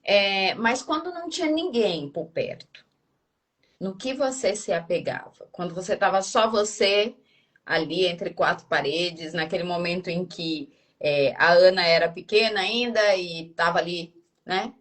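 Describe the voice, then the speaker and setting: A woman with a Brazilian accent hosting a live interview, asking her guest gentle, hesitant questions with many fillers. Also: fairly low pitch, unhurried. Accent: Brazilian Portuguese. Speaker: host.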